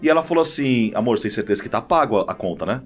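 A man's voice: rapid-fire, faint music behind. A man, a pastor talking casually and telling stories with lots of energy. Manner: animated storyteller, jumps high when telling a funny story. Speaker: pastor and guest. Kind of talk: casual conversation with anecdotes.

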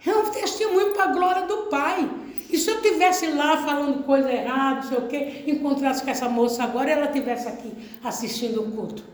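A woman pastor from Brazil preaches to her congregation in a high voice. She repeats her phrases for emphasis and calls out for an amen. The church hall around her is heavily echoey. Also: a little fast. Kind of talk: sermon. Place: church service.

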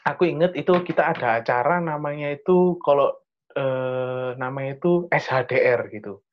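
A man's voice: mid-range voice, normal speed, muffled recording. A young man with an East Javanese accent tells a personal story in casual chat, earnest and rambling. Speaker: storyteller sharing a testimony.

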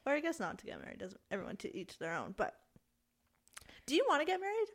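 A woman's voice: high voice, wildly swooping pitch, fast, crowd noise. A woman in her twenties co-hosting a podcast, chatty and storytelling, swearing and laughing often. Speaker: podcast co-host. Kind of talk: casual chat.

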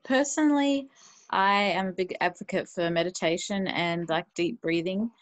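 A woman guest speaking calmly and in a measured way in a casual chat. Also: fairly low pitch, dry recording.

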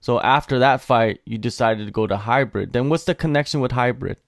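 A man hosting an interview, asking questions in a relaxed, conversational way. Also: mid-range voice, brisk, no echo, studio quality. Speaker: interview host. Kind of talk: casual interview.

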